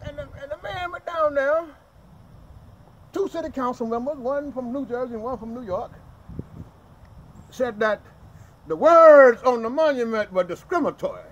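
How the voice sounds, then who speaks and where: With a very high voice, a moderate pace, and long pauses, an older man from the American South gives a passionate, folksy speech at an outdoor cemetery memorial. He's animated and addresses the crowd directly, though the recording is muffled.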